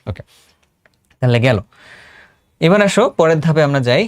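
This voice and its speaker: A man's voice: a little high, expressive, normal speed, no echo, studio quality. A man in his thirties with a Bangladeshi Bengali accent, teaching an online exam-prep chemistry lesson in a chatty way, repeating phrases and quizzing his students.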